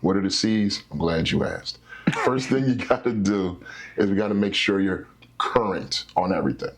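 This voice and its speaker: A man who works as a credit specialist, a guest in an interview, explaining things simply with stories and animated little scenarios. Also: low voice, moderate pace, slightly rough. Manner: animated, teacherly, acts out scenarios.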